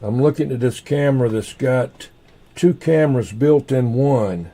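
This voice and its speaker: Speaking a little slowly, this livestream host has a soft, mellow voice at typical male pitch with a dark, relaxed tone. He chats casually and rambles without hurry, frequently muttering as if to himself.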